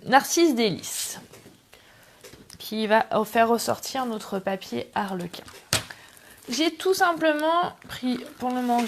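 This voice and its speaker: Against a noisy background, a craft livestream host, a middle-aged woman, speaks in a voice on the high side. She leads a casual tutorial filmed on a tripod camera, chatting with viewers, calling them by name between steps and making self-deprecating asides.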